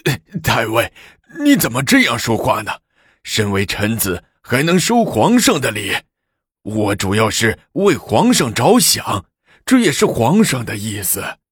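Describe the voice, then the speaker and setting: A man's voice: mid-range voice, unhurried, slightly rough, no echo, clean studio sound, heavily acted. Man doing a fawning old court official. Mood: pleading. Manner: flattering, wheedling.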